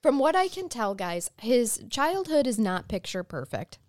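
A woman with a sleepy early-morning voice that still moves through lively swings of pitch. She chats casually as a true crime podcast co-host, wry and self-deprecating, in a dry, close recording. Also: a little slow, no room sound.

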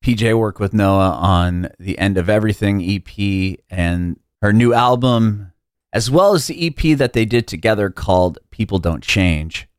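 A man's voice: lowish voice, moderate pace, smooth, no room sound, studio quality. A man hosting a podcast interview over a video call, with an easygoing manner and frequent laughter. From San Diego, USA. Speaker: podcast host. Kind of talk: casual interview chat. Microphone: video call mic.

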